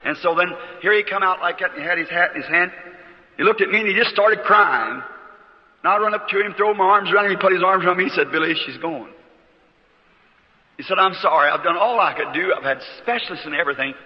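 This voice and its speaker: A man's voice: high voice, fairly quick, long reverb tail, highs cut off. A man preaching, telling a personal story in a folksy, emotional way, heard on an old tape recording. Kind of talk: archival sermon storytelling.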